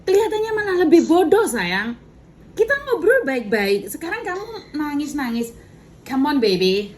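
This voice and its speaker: A woman's voice: high voice, big pitch swings, moderate pace, a little mellow, a little hiss or hum. Firm, lecturing woman. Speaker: domestic worker agent. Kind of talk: scolding phone mediation.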